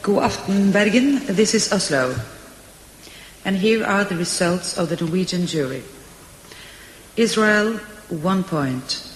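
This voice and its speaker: Slow high-voiced male jury spokesman. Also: lively intonation, slight background noise. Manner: slow, careful, formal. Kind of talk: formal broadcast announcement. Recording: remote broadcast link, echoey with long reverb.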